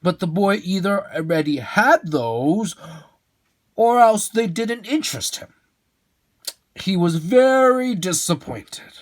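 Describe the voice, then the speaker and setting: In an animated storytelling mood, a man voices an excitable old bald storyteller for a children's storybook. He pushes his voice up so it sits high, sounding coaxing and theatrical with drawn-out exclamations.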